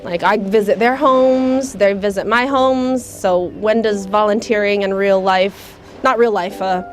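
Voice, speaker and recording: A young American woman, speaking thoughtfully in a documentary interview, often pausing with "um" as she searches for words. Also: medium pitch, fairly even intonation, faint music behind. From United States. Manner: thoughtful, soft-spoken, many hesitations with um. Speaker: volunteer.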